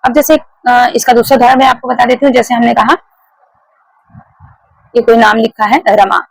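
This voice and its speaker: Female teacher, fairly high gravelly voice, patient explainer, dry close mic. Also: flat delivery, normal speed, no echo, low-quality recording. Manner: explains step by step, repeats key points, asks the class questions. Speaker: Hindi grammar teacher. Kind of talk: classroom lecture.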